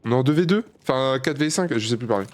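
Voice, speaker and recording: A fast-talking man streams a shooter game live, narrating his play with lots of swearing and self-mockery. Quiet, low muttering alternates with sudden high-pitched outbursts.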